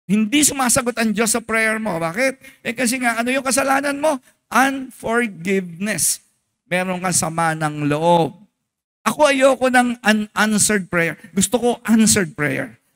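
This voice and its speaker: Filipino male pastor, high voice, emphatic sermon, mixes English into Tagalog, asks the crowd questions. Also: measured pace. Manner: emphatic, animated preaching.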